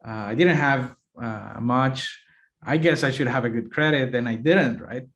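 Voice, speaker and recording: A man from Honduras hosts a relaxed podcast conversation, pausing often with fillers as he gathers his thoughts. His voice sits at an ordinary middle pitch. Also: lo-fi sound. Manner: hesitant, many fillers. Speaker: podcast host. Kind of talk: casual interview chat.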